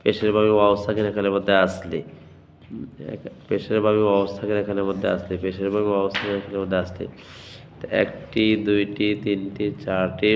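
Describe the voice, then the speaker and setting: A man teaching Quran reading, spelling out letters syllable by syllable and chanting words in long drawn-out tones. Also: lowish voice, in a large hall, a little hiss or hum. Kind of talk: slow spelling-out lesson with chanted recitation.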